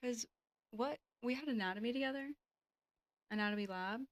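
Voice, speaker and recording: A woman's voice: fairly high pitch, normal speed, dry recording. A twenty-year-old woman co-hosting a casual chat podcast, laid-back and starting lines with "um". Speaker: podcast co-host. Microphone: desk podcast mic.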